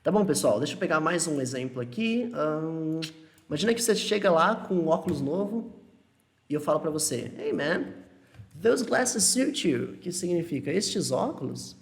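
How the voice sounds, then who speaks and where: A young man with a Brazilian Portuguese accent teaching English live, answering viewers and slowing down to model each phrase. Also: fairly high pitch, expressive. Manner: patient, explanatory, slows to model English phrases.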